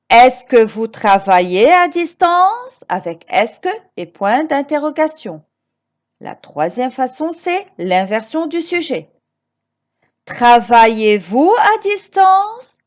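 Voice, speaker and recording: A woman teaching grammar to children, slow and emphatic, repeating each example and encouraging her pupils with questions. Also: fairly high pitch. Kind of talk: recorded grammar lesson for children.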